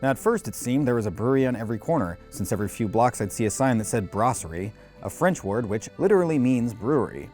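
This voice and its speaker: A man's voice: medium pitch, big pitch swings, quick pace, a little mellow, soft background music. A man hosting a travel show, reading scripted voice-over with dry, tongue-in-cheek humor. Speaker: host and narrator.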